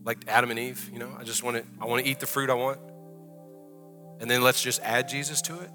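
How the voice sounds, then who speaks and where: A man from the American South with a Southern accent, preaching a conversational sermon in a church and rising to loud, drawn-out prayer. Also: medium pitch, steady tone, faint music behind. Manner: drawn-out, emphatic phrasing in the closing prayer. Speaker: pastor. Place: church hall.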